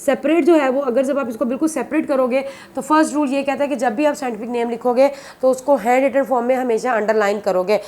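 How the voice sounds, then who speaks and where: A woman's voice: high voice, fast talker, hardly any pauses, warm tone. A woman, teaching a biology lesson and explaining each point patiently and repeatedly, often addressing students as "beta". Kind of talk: classroom lecture.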